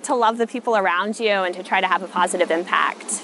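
A machine learning researcher, a Texan woman in her thirties with an American accent, is interviewed in a casual rapid-question format. She answers briefly and thoughtfully at a quick pace and medium pitch. The recording, made on an outdoor covered city walkway, carries city ambience noise.

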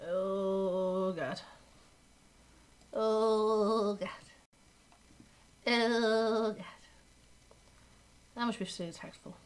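A woman streamer giving animated, exasperated running commentary while playing a card game live, with sing-song thanks to followers. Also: medium pitch, drawn-out words, long pauses, poor audio.

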